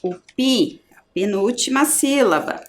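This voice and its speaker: A woman teacher with a Brazilian Portuguese accent gives a primary school lesson. Her pitch rises and falls a lot as she speaks. She sounds out each syllable slowly and clearly for young pupils. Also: animated. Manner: slow, clear syllable-by-syllable explanation.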